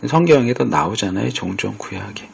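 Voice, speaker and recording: A man's voice: on the low side, lively intonation, a little fast, vocal fry, a little hiss or hum. A male pastor giving a conversational sermon, acting out bits of dialogue as he explains. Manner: conversational preaching, acts out quoted dialogue.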